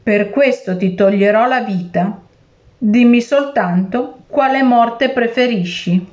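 A cruel, tricky male genie from a spoken storybook, as a woman reader puts him on. The voice sits somewhat high and unhurried, threatening one moment and wheedling the next. The recording sounds a little dull and lo-fi. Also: darkish tone. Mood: menacing.

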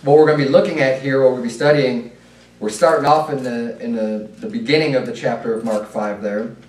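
A pastor preaching a sermon in a loose, conversational way, with fillers and asides. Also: male voice, medium pitch, fairly even intonation, fairly quick, a little mellow. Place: church sanctuary. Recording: echoey room, mic at a distance.

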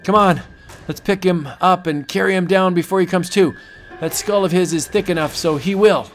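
A man voicing a blunt sailor giving brisk instructions. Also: high-pitched, soft background music, pitched above the performer's own voice, lightly acted.

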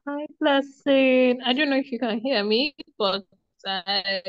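A woman with a fairly high voice speaks haltingly, cutting in and out over a choppy video call connection that keeps breaking up. Her sound is dull and muffled, heard from some distance from the mic. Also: no room sound. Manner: halting, unsure she can be heard. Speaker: community member in an online meeting. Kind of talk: brief self-introduction.

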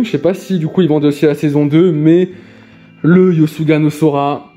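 A chatty man walks through his haul in a casual vlog, repeating himself and filling gaps with little hesitations. His voice sits a touch high for a man, and faint music plays underneath. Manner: chatty, many fillers and repeats, excited. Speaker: vlogger showing convention purchases.

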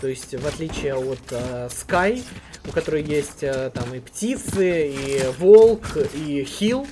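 A man giving live play-by-play esports commentary, with halting phrases as he follows the action. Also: on the high side, lively intonation. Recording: clear noise, clicks, game sounds.

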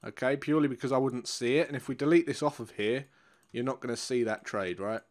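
A middle-aged English currency trading coach, his nose blocked and voice nasal and congested, walks viewers through charts in a live trading room. He's casual and instructive, repeating key points, speaking fast at a medium pitch with a darkish tone.

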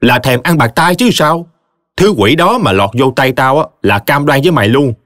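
A man's voice: medium pitch, lively intonation, normal speed, a bit bright, dry recording, clean studio sound, voice pushed up, close to an everyday voice. A man voicing a stern male village teacher who lectures his friend scornfully. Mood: lecturing.

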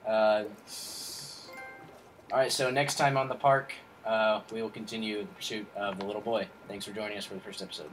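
Young man, casual game commentary, joking, jumpy, medium pitch, game music behind. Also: level tone, a little fast, poor audio. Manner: joking, easily startled, chatty. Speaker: gameplay commentator.

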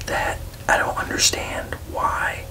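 A person whispering a casual ASMR ramble, halting and frank, with folksy turns of phrase. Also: sharp tone, far from the mic. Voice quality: unvoiced, breathy whisper with creaky edges. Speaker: ASMR video creator.

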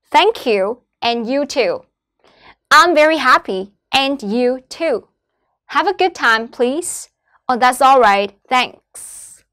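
A woman teacher from Vietnam who leads children through an online English lesson, and her voice sits a little high. She speaks each English word slowly and carefully, repeats it, and then explains it in a patient classroom manner. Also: fairly bright tone. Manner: slow clear modeling of English words, then explaining.

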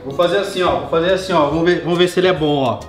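A man's voice: a little high, steady tone, racing. A young Brazilian man hosting a challenge vlog, chatting casually and slangily with friends. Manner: informal, slangy. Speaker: challenge host. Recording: echoey room, music behind. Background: background music.

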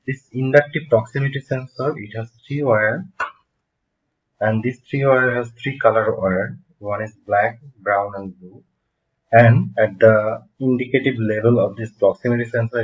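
A man in his thirties giving a step-by-step technical tutorial from a desk in a small room. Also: mid-range voice. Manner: steady step-by-step explaining. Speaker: automation instructor. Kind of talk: screen-recorded technical tutorial. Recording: dull lo-fi home recording.

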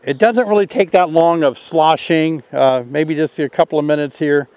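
A man's voice: a little high, normal speed, dry recording. Older man demonstrating beekeeping outdoors. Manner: relaxed, folksy, thinks aloud while working. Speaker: beekeeping teacher. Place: outdoors in an orchard beside beehives.

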